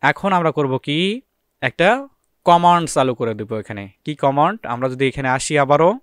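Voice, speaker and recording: Fast-talking man teaching a software tutorial. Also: a little high, clear, resonant tone, no echo, clean studio sound. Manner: explains step by step, asks and answers his own questions. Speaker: data entry instructor. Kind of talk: screen-recorded software tutorial.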